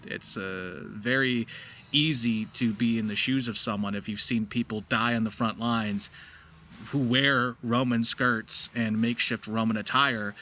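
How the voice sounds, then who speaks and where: A voice actor offers casual explanatory commentary on his craft, slipping into gritty character demonstrations along the way. He has a medium-pitched, bright, forceful voice, with music behind him.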